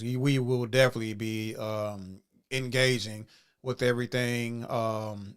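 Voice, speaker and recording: Smooth-voiced man rambling on a livestream. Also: mid-range voice. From Chicago. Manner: rambling, many fillers and restarts. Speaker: podcast host. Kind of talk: casual livestream commentary.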